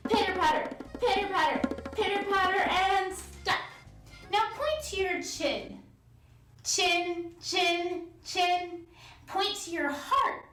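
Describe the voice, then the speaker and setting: A children's yoga and story host speaks slowly in an extremely high, bright, pushed voice, leading a story-and-movement session with sing-song, encouraging, repeated instructions. Soft music plays, and the distant mic catches a roomy echo.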